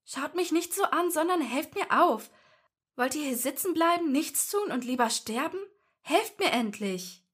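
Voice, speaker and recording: A woman's voice: on the high side, animated, normal speed, fairly bright tone, husky, pitched above the performer's own voice. A woman voicing a stubborn, wounded young witch who speaks defiantly and a little breathlessly. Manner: defiant, pleading, short of breath.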